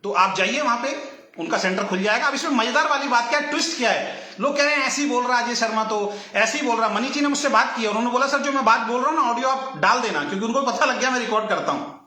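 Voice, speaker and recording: A man's voice: very high-pitched, fast talker, bright, forceful tone, reverberant. A man hosting a live stream, talking at length in a teasing, mocking manner about nicknames and business rivals. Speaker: direct selling channel host.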